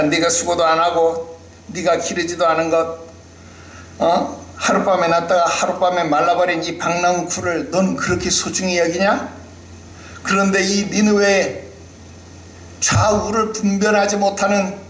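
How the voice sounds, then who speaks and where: A male preacher voicing God as He gently reproaches a sulking prophet with slow questions. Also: high voice, roomy sound, rough recording.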